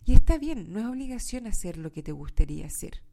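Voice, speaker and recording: A woman's voice: medium pitch, big pitch swings, quick pace, creaky, warm tone. A woman with a nasal voice, stuffed up from allergies, giving a reflective motivational monologue and addressing the listener directly. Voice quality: nasal, congested voice. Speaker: host of a self-help podcast.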